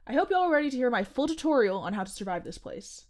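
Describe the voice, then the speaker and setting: She's a young woman voicing an odd, upbeat, geeky janitor at a restaurant in a comic audio play, teasing in a plain, matter-of-fact way. The delivery is fast and breezy, a little high with big pitch swings and a darkish tone.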